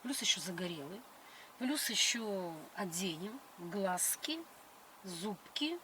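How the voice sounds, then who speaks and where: A woman's voice: medium pitch, lively intonation, slow. A middle-aged woman chatting on a date in a grand, coquettish and condescending manner. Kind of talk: casual date chat. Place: inside a car. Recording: noisy car interior.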